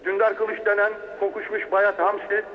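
Guy talking over the phone, halting and combative, thin hollow echoey line. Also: sits high, level tone. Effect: telephone line. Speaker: interviewee. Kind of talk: telephone statement over the phone.

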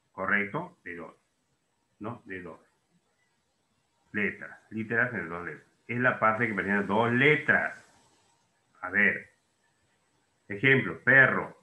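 A male teacher talks through a lesson in a lively, rising and falling voice with a bright edge. He keeps asking questions and answering them himself. The sound carries the echo of a bare room. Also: mid-range voice, muffled recording. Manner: explains in questions, voicing students' doubts himself. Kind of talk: classroom lesson.

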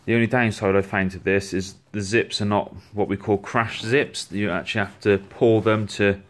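This man, a gear reviewer, has a lowish voice and a moderate pace as he casually shows off his outdoor kit indoors at home. The clip is filmed on a handheld phone, and his easygoing chatter includes lots of restarts.

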